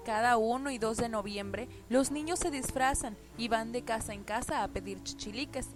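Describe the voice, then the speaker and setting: A woman's voice: on the high side, normal speed, lightly acted. A woman voicing Isabel, a friendly and knowing girl spirit who patiently explains traditions in a storybook, with music behind. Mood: explaining.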